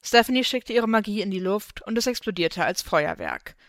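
A woman narrates a fan story in a steady, even storytelling manner. Her voice is smooth and clear, recorded close with a dry, roomless sound. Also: mid-range voice, moderate pace, no echo. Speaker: fanfiction reader.

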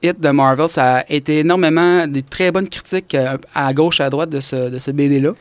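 A man with a Quebec French accent talking casually about comic books, animated, laughing often and full of fillers. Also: fairly high pitch, brisk, smooth, no echo. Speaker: comic book columnist. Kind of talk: casual radio chat.

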